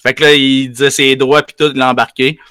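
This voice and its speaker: A man with a Quebec French accent telling a story in casual chat, animated and slangy with lots of fillers. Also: medium pitch, a little fast, clean tone, no room sound, studio quality. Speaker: podcast co-host telling a story.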